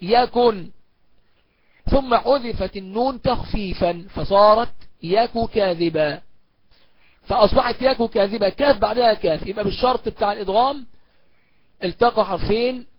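A man with an Egyptian accent teaching Quran recitation in a recorded course, asking and answering his own questions and slowing down to recite examples. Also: high voice, dry recording, muffled recording. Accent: Egyptian Arabic. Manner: slows down to recite verse examples. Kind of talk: recorded online course lecture.

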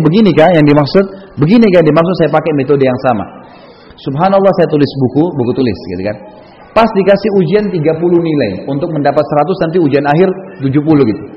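Fast-talking male preacher in an echoey hall. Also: on the high side. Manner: casual, anecdotal, frequent conversational tags. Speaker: Islamic preacher. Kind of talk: storytelling sermon. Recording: echoey hall, dull lo-fi sound.

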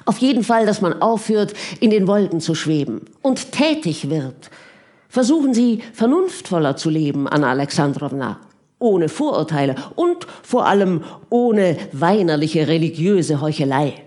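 A woman's voice: on the low side, sing-song, normal speed, a little mellow. A woman reading a condescending young scholar. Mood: lecturing. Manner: lecturing, superior.

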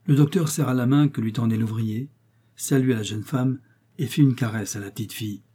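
A man reading a novel aloud as an audiobook narrator, with steady, clearly phrased delivery. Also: mid-range voice, a little fast.

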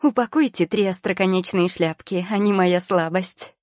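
A woman's voice: fairly low pitch, moderate pace, darkish tone, no room sound, voice pushed up, close to an everyday voice. A woman reading an audiobook, voicing a cheerful, lighthearted heavily pregnant young woman who laughs things off, in a dry close recording. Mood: bubbly.

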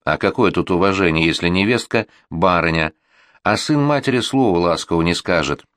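A man's voice: deep voice, animated, brisk, fairly bright tone, no echo, clean studio sound. A man voicing a bitter, reproachful old village grandmother in an audiobook reading, with a scolding, folksy manner. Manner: scolding, complaining, folksy speech.

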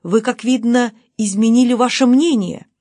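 A stern, sharp-tongued colonel, read by a woman narrator, curt and biting. The sound is dry and close. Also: medium pitch, measured pace, no room sound, lightly acted. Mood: sarcastic. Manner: stern, sarcastic.

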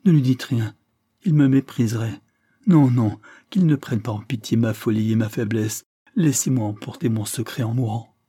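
A man reading aloud voices a frail, lovesick young English lady who pleads in a higher, trembling tone. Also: normal speed, dark tone, husky, no echo, clean studio sound, lightly acted. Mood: pleading.

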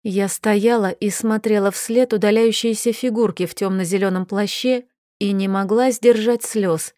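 A woman giving a calm, measured first-person narration of a novel. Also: mid-range voice, no echo, studio quality. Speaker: audiobook narrator.

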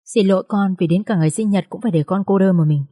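A woman's voice: mid-range voice, fast, mellow, dry recording, clean studio sound, natural voice. A woman voicing a grieving mother who apologizes to her grown daughter through tears, in a choked voice. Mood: remorseful.

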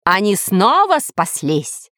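A woman voicing a brooding, weary villain lord in a storybook reading, low and snappish. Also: big pitch swings, slow pace, fairly bright tone, no echo, studio quality. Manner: gloomy, snapping.

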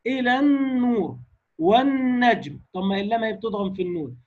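A man with an Egyptian accent teaching the rules of recitation in a lecture. He explains each rule, asks the class questions and demonstrates words slowly. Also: extremely high pitch, lively intonation. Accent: Egyptian Arabic. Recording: dull lo-fi recording.

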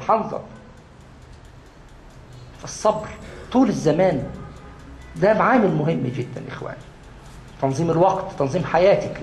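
A man's voice: on the high side, darkish tone. A man with an Egyptian Arabic accent giving a religious lesson to a class, repeating key words for emphasis and answering his own questions. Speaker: Islamic studies lecturer. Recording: echoey room, faint background noise.

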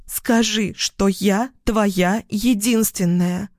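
A man voicing a volatile, clingy young woman in an audiobook, given to shrill screaming outbursts. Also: fairly even intonation, very slow, no echo, studio quality. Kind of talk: audiobook character voice.

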